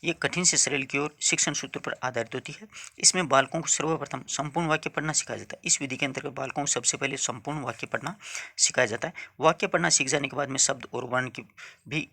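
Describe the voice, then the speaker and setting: Speaking quickly with vocal fry and a slightly rough edge, a male teacher delivers an exam-prep lecture at a middle pitch. His voice is bright and forward as he explains points step by step, restates them, and checks the students keep up.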